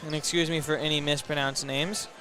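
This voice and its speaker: A young man doing commentary for a high school basketball broadcast, announcing in a casual, hesitant way with frequent self-corrections. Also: little pitch movement, a little fast, music in the background. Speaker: student play-by-play announcer. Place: school gymnasium.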